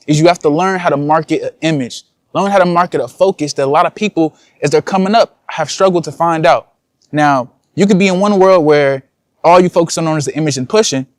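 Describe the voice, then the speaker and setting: A young man, a content creator, talks casually and with lots of slang to his vlog viewers, calling them "y'all." His voice is a little high, with studio-quality sound and no room sound.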